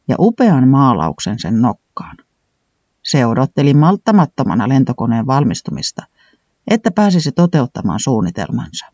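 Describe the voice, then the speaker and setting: A man narrating a children's storybook in an animated, sing-song reading style. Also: mid-range voice, no room sound, muffled recording.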